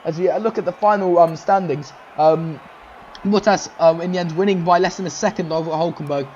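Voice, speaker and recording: A man with a notably high voice calls race results in an excitable, rambling way, full of "um"s as he works through the standings. The recording sounds slightly muffled, with a faint hiss behind him. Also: a little fast. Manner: excitable, rambling, frequent "um" fillers. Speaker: race commentator and series host. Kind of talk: casual sim-racing commentary.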